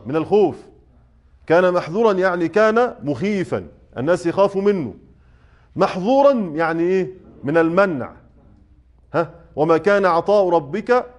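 A man with an Egyptian Arabic accent teaches a tajweed lesson to a mosque study circle. He explains point by point, checks in with the class, and chants the quoted verses slowly. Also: high-pitched. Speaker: Quran recitation teacher.

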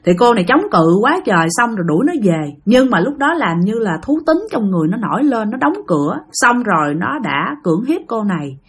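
Brief: Southern Vietnamese woman telling a ghost story, husky, lively pitch, chatty. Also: fairly quick, hardly any pauses. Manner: chatty, addresses listeners directly. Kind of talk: spooky storytelling.

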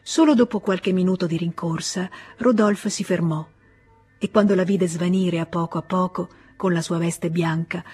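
A woman narrates a classic novel in a measured, expressive way, with a husky, breathy voice at an ordinary pitch. Soft music plays faintly underneath the reading. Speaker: audiobook narrator. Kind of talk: literary audiobook narration.

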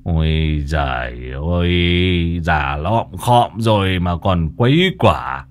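A man's voice: lowish voice, lively intonation, moderate pace, a bit bright, slight background noise. A man voicing a brash, cocky young exorcist who talks bluntly and bossily. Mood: scolding. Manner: swaggering, blunt, bossy.

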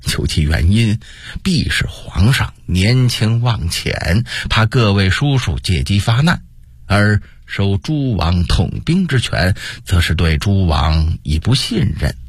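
A man voicing a shrewd, scheming older male monk advisor, speaking in a measured, persuasive way full of rhetorical questions. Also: on the low side, sing-song, husky, no echo, clean studio sound, full character voice.

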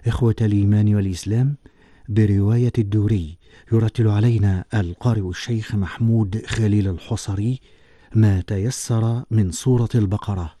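A man's voice: fairly low pitch, fairly even intonation, a little fast, mellow, no room sound. A man announcing a religious radio program in a formal, declamatory manner.

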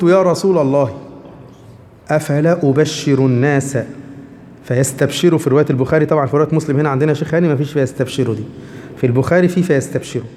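Fast-talking Egyptian man teaching in a hall. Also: a little high, a little mellow. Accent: Egyptian Arabic. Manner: keeps checking the listener with rhetorical questions. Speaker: religious teacher. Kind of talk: explaining hadith to a class.

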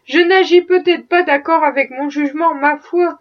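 A woman's voice: sits high, steady tone, moderate pace, highs cut off, close to an everyday voice. A woman voicing a kindly, fretful old male factory owner with flustered, fatherly concern.

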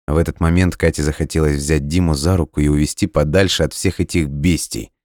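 Male narrator, very low voice, dry close sound, steady audiobook reading. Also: dry recording. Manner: measured, even storytelling.

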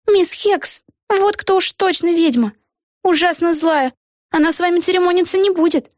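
A timid young girl played by a woman narrating an audiobook who pleads and protests. Her voice sits very high and clearly childlike, with an earnest, plaintive tone. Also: moderate pace, no echo, clean studio sound. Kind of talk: audiobook voice acting.

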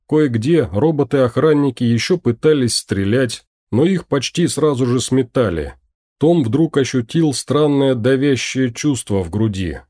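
Male narrator, mellow low-lit tone, even, steady audiobook reading. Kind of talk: scripted narration of a sci-fi story.

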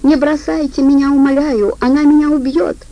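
A cowardly, stoned man in a panic, as a woman reader puts him on, squeaking and begging. His voice jumps high and loud above her usual reading. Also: expressive, unhurried, husky, dull audio, heavily acted. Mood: panicked begging.

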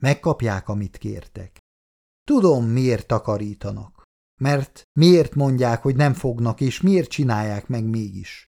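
A man reading a fragile, unstable woman in an audiobook, speaking in a hushed, low way. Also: expressive, gravelly. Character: fragile, unstable woman confiding secrets to her husband.

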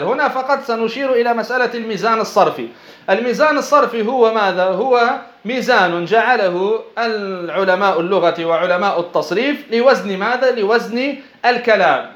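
A man's voice: sits high, a bit bright. A male scholar teaching a lesson and explaining a text, who keeps asking rhetorical questions and answering them himself, often repeating and restarting words. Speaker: Islamic scholar teaching Arabic morphology. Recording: echoey, dull lo-fi sound.

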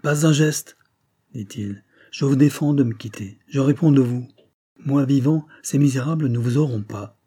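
A man's voice: mid-range voice, moderate pace, dark tone, slightly rough, voice pushed up, close to an everyday voice. A man reading an audiobook and voicing a brave young male hero who speaks in firm, commanding tones. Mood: resolute. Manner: commanding, resolute.

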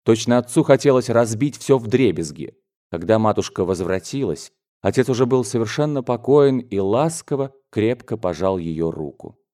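A man reading a classic novel aloud as an audiobook narrator, in a steady, dramatic storytelling manner. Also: on the low side, normal speed. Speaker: audiobook reader.

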